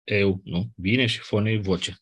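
A man's voice: on the low side, fairly even intonation, husky. A man teaching a grammar lesson in a casual, explanatory way, often checking with his listeners. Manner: explanatory, colloquial asides, checks with "nu?". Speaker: Greek teacher. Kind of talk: classroom lecture on Ancient Greek grammar.

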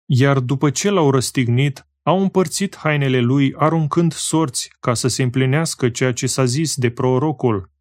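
Man reading scripture, slow and measured. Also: mid-range voice, no room sound, clean studio sound. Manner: slow, measured, phrase-by-phrase delivery. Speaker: scripture reader. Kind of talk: solemn Bible reading.

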